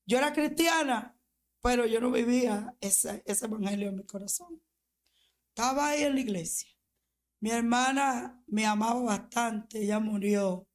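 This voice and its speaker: Woman pastor, slow earnest testimony, slightly high voice. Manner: earnest, unhurried storytelling with long pauses. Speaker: pastor giving her testimony. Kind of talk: emotional personal testimony.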